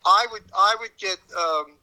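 A man co-hosting a sports podcast, giving casual analysis in a halting way, repeating words as he reasons. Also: high-pitched, bright, forceful tone, rough recording.

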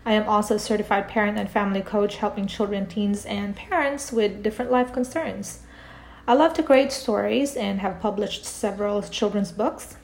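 A middle-aged woman from the Philippines speaks as a podcast guest, calm and reflective as she tells her story. Her voice has a gravelly, fried edge. She sits at a middle pitch for a woman. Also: normal speed. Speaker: guest, parent coach and author. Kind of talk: podcast interview.

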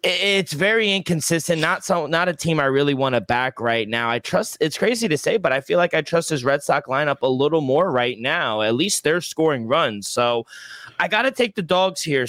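A man's voice: medium pitch, a bit bright, no room sound, clean studio sound. A man co-hosting a casual sports betting talk, conversational and opinionated. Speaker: sports betting show co-host.

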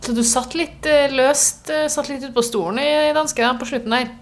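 A woman's voice: high-pitched, steady tone. A woman hosting a casual, conversational interview. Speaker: interviewer, host.

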